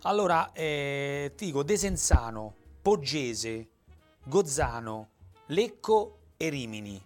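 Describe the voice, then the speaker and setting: A man hosting a football show, introducing his guest and asking questions in a lively, emphatic way. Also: mid-range voice, takes it slowly, faint music behind. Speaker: sports show host. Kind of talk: interview.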